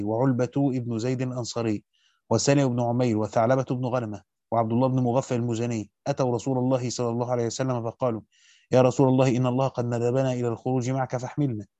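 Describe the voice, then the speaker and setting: A man reads a classical scripture commentary to his students at a brisk steady clip, slowing now and then to stress a word. His tone is mellow and dark, and the recording is dry and close. The sound is slightly dull, lo-fi. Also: mid-range voice, dry recording. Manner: rapid steady recitation, slows to stress key words. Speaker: teacher reading a Quran commentary aloud. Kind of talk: fast scholarly reading of a classical text with brief comments.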